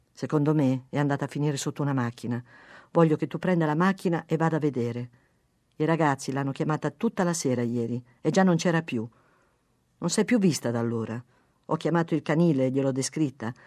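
A woman's voice: sits low, fairly quick, a little mellow, no echo, studio quality, close to an everyday voice. A reader voicing a tired, irritated wife who keeps pressing her husband. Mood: insistent. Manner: nagging, insistent.

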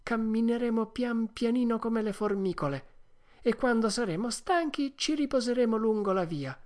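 A woman voicing a cheeky wooden puppet boy in a storybook reading, talking brightly and with emphasis. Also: on the high side, moderate pace, pitched above the performer's own voice, close to an everyday voice. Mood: tender.

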